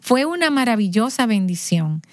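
A woman telling a personal story as an interview guest, lively, acting out the lines of people in her story. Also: fairly high pitch, moderate pace, dry recording, studio quality.

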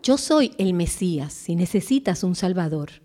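A woman giving an earnest devotional Bible teaching, slowing down with emphatic pauses. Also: lowish voice, expressive, dark tone.

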